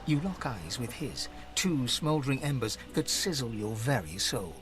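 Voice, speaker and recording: An actor playing the dramatic storyteller of a fantasy video game, narrating in literary phrases. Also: male voice, medium pitch, big pitch swings, normal speed, lightly acted. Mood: dramatic, intense. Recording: game music behind the voice.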